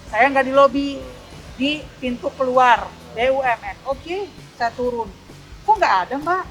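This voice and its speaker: A woman's voice: high-pitched, measured pace, faint music behind. An older woman, an online taxi driver, telling a story in a casual interview and acting out both sides of each exchange. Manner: animated, acts out both sides of dialogues.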